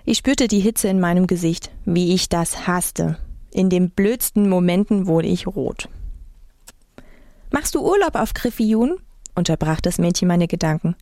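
A woman's voice: on the low side, fairly even intonation, moderate pace, dark tone, no echo. Woman reading a novel in a dry voice. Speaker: audiobook reader. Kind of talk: first-person novel reading.

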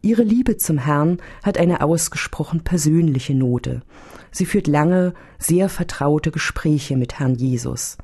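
A woman narrating a story in a calm, even reading voice. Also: low voice, slow pace, husky.

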